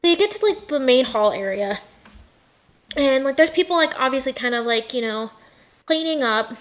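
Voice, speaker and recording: A woman's voice: high voice, animated, moderate pace, muffled recording. A woman running an online tabletop game as game master, talking in a valley-girl way with lots of "like".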